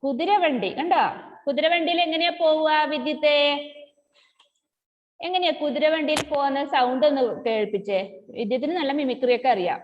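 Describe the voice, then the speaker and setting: A woman with a high voice leads a class of small children, drawing out each word in a slow, sing-song chant and gently coaxing them to reply. The sound is dull and lo-fi, with a long, hollow reverb trailing behind her. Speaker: kindergarten teacher. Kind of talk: online class teaching.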